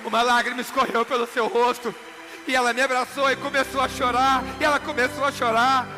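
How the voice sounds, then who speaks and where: A man's voice: extremely high pitch, little pitch movement, fairly quick, music in the background. A man in his thirties with a Minas Gerais accent, telling a dramatic, emotional story as a motivational speaker on stage. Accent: Minas Gerais Brazilian Portuguese. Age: 30s. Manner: dramatic, emotional, acts out dialogue. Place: event stage.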